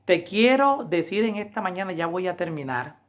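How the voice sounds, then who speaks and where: A woman preaching a Bible lesson review, with emphatic, repetitive appeals to her listeners, slowing down to read scripture. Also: on the low side, animated. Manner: slows down to read scripture aloud. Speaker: Adventist Bible lesson teacher.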